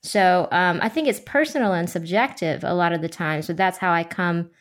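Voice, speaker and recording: A woman speaking as a panelist in a thoughtful, conversational discussion, articulate and measured, with academic wording. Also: on the low side.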